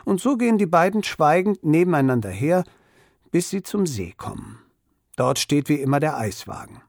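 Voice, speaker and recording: Expressive man reading a children's story. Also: a little high, breathy edge, no room sound, studio quality. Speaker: narrator. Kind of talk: children's story read-aloud.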